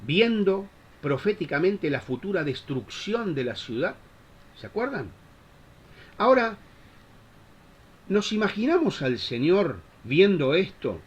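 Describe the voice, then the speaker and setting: Male Bible teacher, preaching style, lively swinging pitch, dull muffled recording. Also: slow, pauses often, breathy edge. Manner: impassioned, full of rhetorical questions. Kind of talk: Bible class lecture, preached.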